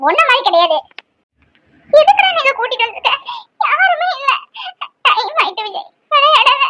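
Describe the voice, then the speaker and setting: A woman's voice: extremely high pitch, big pitch swings, moderate pace, sharp tone, no echo, exaggerated voice, poor audio. A woman voicing a young newly married woman in a cartoon, frantic and tearful, pleading and scolding by turns.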